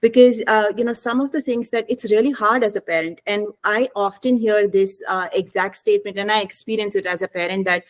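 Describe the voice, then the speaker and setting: A woman's voice: mid-range voice, steady tone, brisk, hardly any pauses. A woman hosting an online author panel as publisher, asking questions in a casual, filler-heavy way over a video call.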